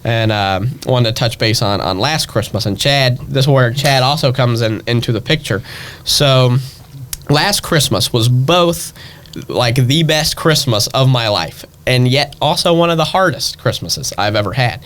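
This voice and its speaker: A young man, a stage actor, telling family stories in a chatty, animated way and acting out their voices. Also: medium pitch, measured pace. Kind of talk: casual storytelling chat.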